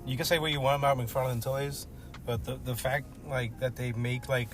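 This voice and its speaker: A man's voice: mid-range voice, flat delivery, normal speed. Slangy frat-bro guy over music. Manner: slangy frat-bro talk, peppered with "bro" and "dude". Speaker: podcast co-host. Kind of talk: casual podcast banter. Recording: music behind the voice.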